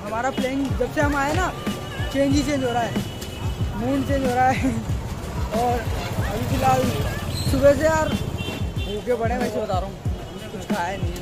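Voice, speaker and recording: Young male street vlogger, high voice, chatty and informal, phone mic, loud music and crowd behind. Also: moderate pace, long pauses. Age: young adult. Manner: chatty, addresses viewers directly. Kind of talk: casual street vlog. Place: busy city streets and market outdoors. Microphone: handheld phone camera at arm's length. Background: loud music, crowd and traffic.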